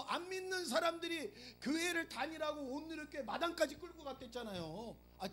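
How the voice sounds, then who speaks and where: A middle-aged male pastor giving a lively sermon, acting out prayers and joking with the congregation. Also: very high-pitched. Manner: animated, acts out prayers and quotes, jokes with the congregation. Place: church sanctuary.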